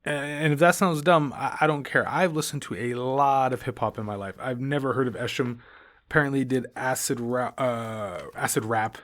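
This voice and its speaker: A man's voice: medium pitch, steady tone, normal speed, fairly bright tone. A man in his thirties hosting a podcast, giving casual, opinionated and rambling thoughts on a book he just finished. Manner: opinionated, rambling, dismissive asides. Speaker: podcast host. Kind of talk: casual solo book review.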